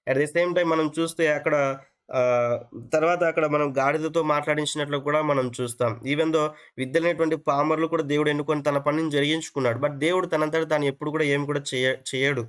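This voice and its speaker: A man's voice: a little high, a bit bright, clear, resonant tone. A man preaching an interactive sermon who asks his listeners questions, repeats phrases, and mixes English words into his speech. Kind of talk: interactive sermon on an online call.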